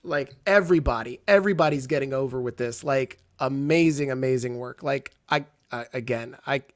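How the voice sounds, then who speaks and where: A man hosting a casual wrestling talk show, excitable and reading out viewer comments. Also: mid-range voice, moderate pace, no echo. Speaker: show host.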